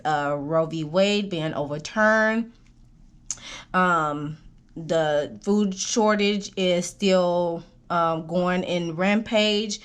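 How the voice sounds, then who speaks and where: A woman giving a casual spoken tarot reading, meandering with fillers and restarts, often checking in with "okay?", and coughing now and then while she recovers from an illness. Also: fairly low pitch. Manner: coaching, keeps asking "okay?". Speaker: tarot reader.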